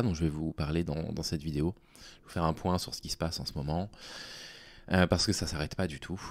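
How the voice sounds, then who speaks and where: An online video creator with a deep, worn-out, small and tired voice talks informally to his audience, explaining his personal situation. His delivery is halting and hesitant, full of long pauses, and the darkish tone comes through a dry recording.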